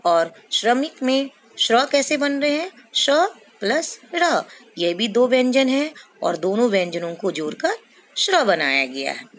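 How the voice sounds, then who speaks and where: A woman teacher explaining a lesson slowly to children, stretching out sounds and examples. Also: mid-range voice, fairly bright tone, slight background noise. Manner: slow, explanatory, addresses children, drawn-out syllables. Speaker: school teacher. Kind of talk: recorded classroom lesson.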